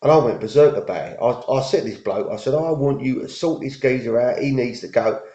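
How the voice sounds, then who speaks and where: A man's voice: medium pitch, a little fast, warm tone. Rambling man in an echoey room. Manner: rambling, repeats himself, working-class slang. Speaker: vlogger. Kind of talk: casual storytelling monologue. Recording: echoey room, dull lo-fi sound.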